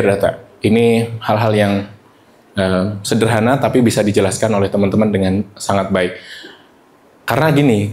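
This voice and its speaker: A man in his thirties giving a presentation-skills workshop, animated and demonstrative, switching between high and low voices to show examples. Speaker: presentation trainer. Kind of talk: workshop lesson.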